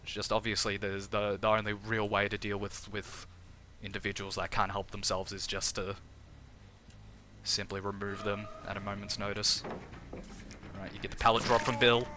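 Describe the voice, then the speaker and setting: Bright-voiced Australian game caster. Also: male voice, lowish voice, moderate pace, slight background noise. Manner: energetic, chatty, restarts phrases, laughs at own jokes. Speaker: tournament caster and streamer. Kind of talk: live game commentary.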